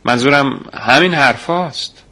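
A man's voice: medium pitch, sharp tone, pitched above the performer's own voice. A man voicing a startled young man who keeps asking surprised, eager questions.

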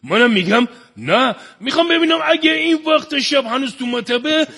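A man's voice: very high-pitched, expressive, creaky, bright, forceful tone, full character voice. A man playing a joking, bumbling middle-aged husband in a comedy sketch, cracking jokes with a laugh. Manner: wisecracking, laughing through lines. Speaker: comic storyteller in a sketch.

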